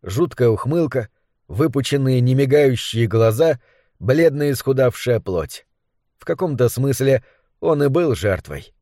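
A man reading a first-person novel as an audiobook, in a measured and dramatic way. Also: medium pitch, expressive, warm tone, dry recording, clean studio sound. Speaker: audiobook narrator. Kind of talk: scripted narration.

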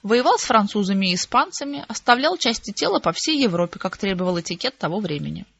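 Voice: mid-range voice, big pitch swings, fast, vocal fry, fairly bright tone, heavily acted. A reader voicing a faded, hard-drinking aristocratic lady who flirts coyly and speaks casually, in a slightly dull audiobook recording. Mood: flirtatious.

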